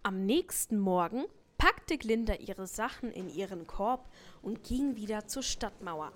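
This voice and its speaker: A woman's voice: mid-range voice, animated, a little slow. A woman narrating a children's story as a scripted audio tale. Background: faint music.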